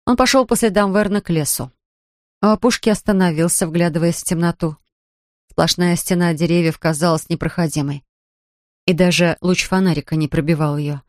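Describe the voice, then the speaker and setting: An audiobook narrator reading a suspense novel in a measured, even way. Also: mid-range voice, dry recording, studio quality. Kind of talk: scripted narration of a thriller.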